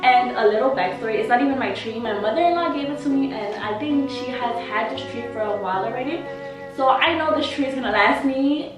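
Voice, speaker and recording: A high-pitched young woman chatting away in a casual vlog, self-mocking and talkative. Her voice bounces around a very echoey room, picked up by a camera mic set well back from her. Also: brisk, distant mic, over music. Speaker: vlogger. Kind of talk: casual chat. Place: apartment living room.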